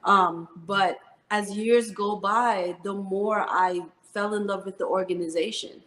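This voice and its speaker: A woman's voice: medium pitch, steady tone, measured pace, fairly bright tone, reverberant. A woman in her thirties, from the Philippines and raised in New Jersey, an Army first sergeant telling her story in an interview with earnest, heartfelt talk and many fillers. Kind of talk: interview conversation.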